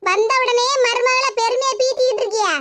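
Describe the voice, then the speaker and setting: Woman doing a squeaky bossy old mother-in-law. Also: steady tone, a little fast. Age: 60s. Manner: bossy, sharp-tongued. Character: scolding mother-in-law, over sixty. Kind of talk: cartoon voice acting.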